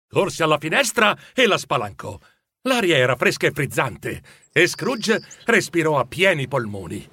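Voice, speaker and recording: A man narrating a children's storybook in an expressive, animated way. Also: fairly high pitch, breathy edge, dry recording. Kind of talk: storybook reading.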